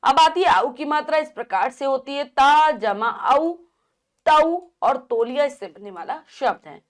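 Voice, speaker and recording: A woman's voice: high voice, lively intonation, a little fast. A woman teaching a children's grammar lesson, patiently spelling out letters and asking and answering her own questions.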